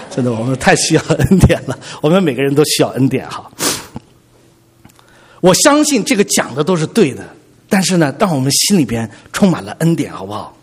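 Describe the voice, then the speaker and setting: A man's voice: a little high, husky. A man preaching a sermon as pastor, telling stories animatedly and speaking straight to the congregation. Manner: animated storytelling preacher, addresses the congregation directly.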